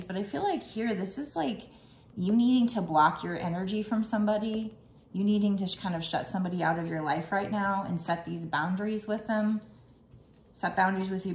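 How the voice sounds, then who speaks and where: A woman with a mid-range, slightly froggy voice gives a casual tarot reading, rambling reassuringly with many fillers. The sound is roomy, with a little hiss or hum.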